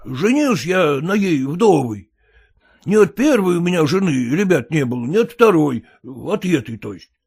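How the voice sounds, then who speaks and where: A man voicing an illiterate, clumsy peasant who pleads in rustic, halting speech with fillers. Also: on the high side, sing-song, darkish tone, husky, heavily acted. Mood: pleading.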